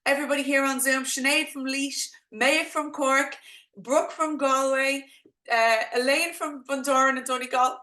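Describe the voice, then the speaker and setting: A woman's voice: sits high, steady tone, normal speed, sharp tone, roomy sound. A woman with a thick Dublin accent presenting an informal live online workshop as a coach, chatting directly and encouragingly to her viewers.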